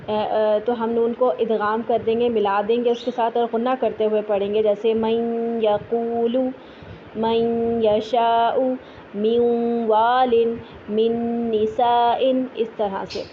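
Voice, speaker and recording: A woman patiently explaining Quran recitation rules, slowly drawing out each example word. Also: fairly high pitch. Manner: patient, explanatory, drawn-out filler sounds. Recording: thin phone-like audio with faint hiss.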